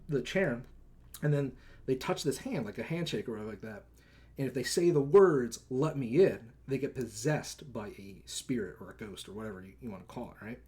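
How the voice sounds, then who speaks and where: Mid-range, darkish, and slightly breathy, a man co-hosting a live movie podcast rambles casually through plot recaps. Fillers pile up, lots of "like" and "right?", and he voices characters' lines in quotes.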